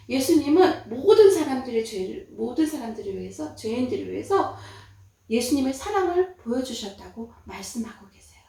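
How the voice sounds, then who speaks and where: A woman tells a Bible story to children as a Sunday school preacher, animated and full of dramatic emphasis. Her voice sits high and swings widely in pitch. It is captured from a distance in a very echoey church room. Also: creaky.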